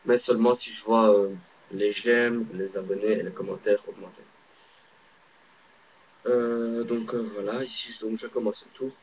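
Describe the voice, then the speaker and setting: His low, slightly rough voice stays fairly even and unhurried as this Belgian French–accented amateur magician demonstrates a card trick. He rambles, hesitates, and leans on fillers, and the laptop webcam recording sounds dull and lo-fi with a faint hiss.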